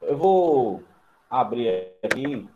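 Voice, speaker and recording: A man's voice: mid-range voice, sing-song, drawn-out words, lo-fi sound, background noise. A man with a Brazilian accent teaching a grammar lesson. He explains each step in turn while writing on a board and keeps checking in with the class. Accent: Brazilian Portuguese. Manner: writes on a board while talking.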